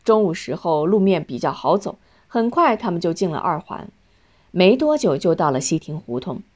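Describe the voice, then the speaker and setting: A woman reading a novel aloud in calm, steady scripted narration. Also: fairly low pitch, moderate pace. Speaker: audiobook narrator.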